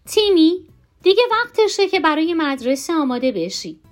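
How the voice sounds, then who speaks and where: A woman's voice: very high-pitched, faint music behind, voice pushed up. A woman voicing a tired but firm mother who tells off her noisy son. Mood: scolding. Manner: scolding, firm.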